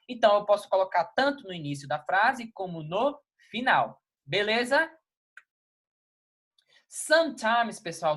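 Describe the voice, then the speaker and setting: A man from Brazil teaching an English lesson. He explains patiently, reads example sentences slowly and repeats key words, checking in with his students. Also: high voice, fairly bright tone. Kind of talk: recorded classroom lesson.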